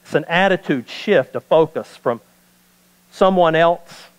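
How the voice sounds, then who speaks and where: A man with a high-pitched voice preaches to his congregation. He speaks emphatically and repeats his main points. The sound carries a long reverb from the church hall. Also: a little slow, smooth. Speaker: pastor. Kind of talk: sermon.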